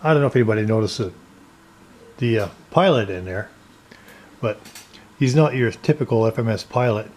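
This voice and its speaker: A man's voice: fairly low pitch, lively intonation, a little fast, long pauses, a little mellow, a little hiss or hum. A man giving a casual tour of his basement workshop and talking through a model plane rebuild, rambling and correcting himself as he goes. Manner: rambling, self-correcting, matter-of-fact. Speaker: RC plane hobbyist.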